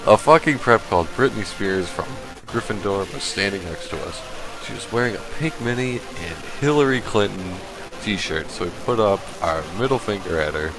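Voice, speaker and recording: A man doing a comedic read-aloud of a badly written story, deadpan and halting as he stumbles over the text. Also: fairly low pitch, music in the background. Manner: slow, halting, deadpan reading broken by laughter. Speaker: stream host reading a fan fiction aloud. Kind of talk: comedic dramatic reading.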